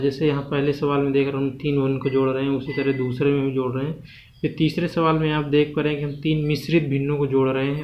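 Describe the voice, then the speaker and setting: This man speaks with a slightly higher voice as he teaches maths to children. He keeps asking little questions and answering them himself, stretching out the numbers he reads. The audio is muffled and lo-fi, with a faint hiss behind it. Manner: slows down and stretches out numbers he says aloud. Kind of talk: classroom-style maths lesson for children. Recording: dull, lo-fi home recording with faint background hiss.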